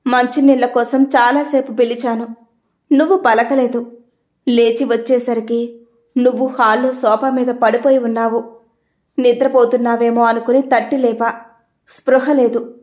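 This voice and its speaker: Picture a weeping older husband in an audiobook, begging his wife's forgiveness in an apologetic, pleading tone, read by a woman. He is voiced a touch higher than usual. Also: darkish tone, close to an everyday voice. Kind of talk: audiobook storytelling.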